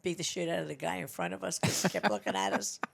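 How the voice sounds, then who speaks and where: Gravelly-voiced older grandmother. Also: fairly low pitch, fairly even intonation, quick pace, a crowd in the background. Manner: chatty storyteller, blunt. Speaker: guest, host's grandmother. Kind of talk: casual family chat.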